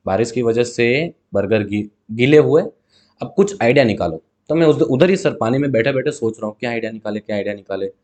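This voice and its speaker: A man with a mid-range, somewhat dark voice is a guest in a casual interview, telling a story about his work selling burgers. He speaks animatedly, plays both himself and his customers in the exchanges, and drops English words into his speech.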